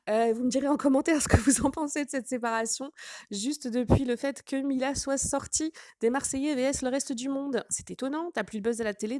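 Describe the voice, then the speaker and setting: A woman's voice: fairly high pitch, mellow, dry recording, studio quality. A woman hosting a gossip channel, commenting casually with sarcastic, teasing asides.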